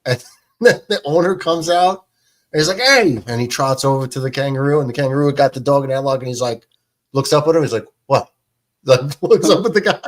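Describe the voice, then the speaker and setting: A man chatting on a live sports watch party stream, spinning a loose anecdote and acting out each beat as he goes. His pitch sits right in the middle for a man, and he laughs his way through the telling. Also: fairly quick. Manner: animated, laughing storyteller acting out scenes. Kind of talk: casual storytelling chat.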